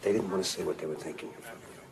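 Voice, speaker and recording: An actor playing a shaken husband who gives a halting, defensive account of his wife leaving. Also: low-pitched, creaky, noisy background. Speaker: husband of the missing woman. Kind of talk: film drama.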